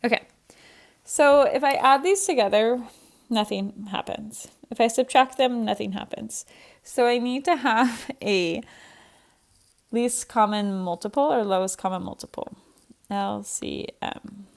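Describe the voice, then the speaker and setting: Young female math teacher, slightly high, gravelly, chatty, self-mocking asides. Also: a little slow. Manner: chatty and self-deprecating, thinking aloud. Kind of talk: recorded online math lesson.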